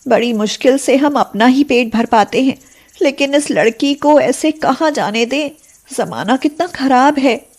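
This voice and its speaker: A woman's voice: sits high, measured pace, a little mellow. A woman voicing a kind, poor working mother in a cartoon, caring and plain-spoken.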